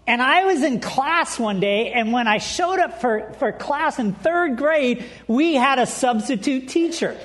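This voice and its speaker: A pastor opening his sermon with a funny childhood story, animated and often laughing, speaking straight to the congregation. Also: very high voice. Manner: addresses the congregation directly.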